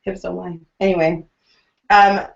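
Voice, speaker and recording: A woman co-hosting a casual TV recap chat, animated, jokey and opinionated. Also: on the low side, measured pace, vocal fry. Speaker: co-host. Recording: roomy, dull lo-fi recording.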